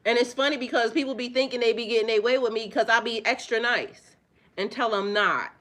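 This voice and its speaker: A woman with a slightly high voice talks fairly quickly on her spiritual reading vlog, speaking right to her audience. She has children, and she's loud, animated, chatty, crude and blunt, often breaking into laughter.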